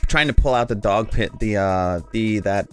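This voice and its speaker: A man playing a tabletop game, casually narrating his character's actions in a giggly, animated way. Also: fairly low pitch, normal speed, faint music behind.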